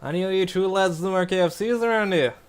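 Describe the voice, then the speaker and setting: A young man doing a rough, loud imitation of a pushy, chatty middle-aged British man he met. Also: high voice, fast, voice pushed up, lightly acted.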